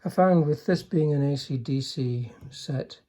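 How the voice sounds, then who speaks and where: An older radio repairer shows off a restored chassis in a casual hands-on demonstration, speaking in an understated, hesitant way with remarks that trail off. His warm voice is on the high side and a little slow.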